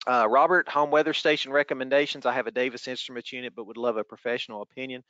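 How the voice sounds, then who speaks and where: A man with a Tennessee accent speaks in a bright, smooth voice at a middle pitch, recorded dry and close. He works through questions like a trainer on a webinar, in an informal, folksy, conversational way. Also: fairly even intonation, fast, no room sound, muffled recording. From Tennessee, United States. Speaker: weather spotter trainer.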